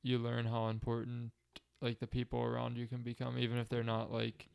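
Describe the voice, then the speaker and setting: Excitable young man with a gravelly voice. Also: mid-range voice, fairly quick. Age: 20s. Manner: excitable, filler-heavy talk. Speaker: podcast co-host. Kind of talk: casual chat.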